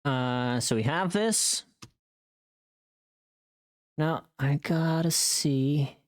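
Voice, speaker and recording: Speaking very slowly at medium pitch, a streamer records a voice pack, rambling casually and thinking aloud while working through tasks on a livestream.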